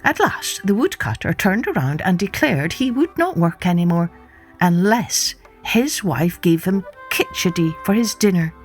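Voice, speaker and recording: A woman telling a children's story with a lowish voice that moves a lot in pitch, measured and expressive. Soft music plays faintly under her. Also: husky.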